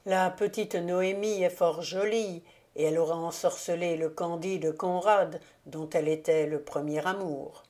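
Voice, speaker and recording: A woman's voice: fairly low pitch, steady tone, unhurried, few pauses, a little mellow, lightly acted. A woman reading the part of a proud, arrogant young male nobleman in an audiobook, in a haughty, self-satisfied manner.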